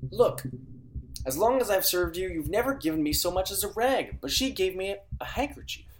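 A man's voice: sits high, lively intonation, moderate pace, a little hiss or hum, voice pushed up. Man playing a storybook servant maid, raised voice, resentful. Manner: complaining.

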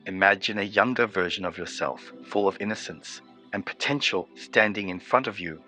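A man guiding a meditation, giving slow, soothing, evenly paced instructions. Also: lowish voice, bright, forceful tone, soft background music. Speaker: meditation guide. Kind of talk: guided meditation.

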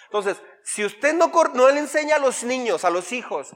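A man's voice: very high voice, animated, normal speed, a bit bright, long reverb tail. A man, a pastor giving a conversational sermon full of acted-out quotes and humor.

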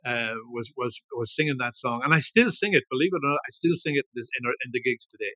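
A man of about seventy with a north-west of Ireland accent, reminiscing casually in an interview in a halting, rambling way that often repeats words. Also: mid-range voice, bright, forceful tone, no echo. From Ireland, grew up in Ballyshannon, County Donegal. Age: 70s. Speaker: guest, veteran musician.

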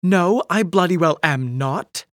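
A blunt, tipsy woman, as a male storyteller puts her on, firing off sharp, exasperated questions in a lifted voice. The audiobook reading is close and dry, with no room around it. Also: a little high, very animated, normal speed, dry recording, pitched above the performer's own voice.

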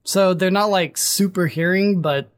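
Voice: mid-range voice, measured pace. Chatty host reading monster lore. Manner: chatty, reads passages aloud with fillers. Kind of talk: casual chat.

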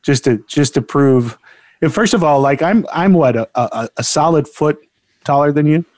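A man's voice: fairly high pitch, expressive, moderate pace, darkish tone, no room sound. A man hosting a casual interview with friendly, teasing banter. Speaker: interviewer, host.

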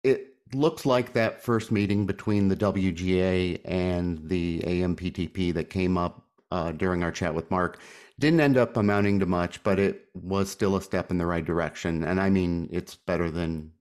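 Man, low-pitched, chatty, self-deprecating, podcast host. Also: steady tone, normal speed, a little mellow. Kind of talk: casual podcast chat and commentary.

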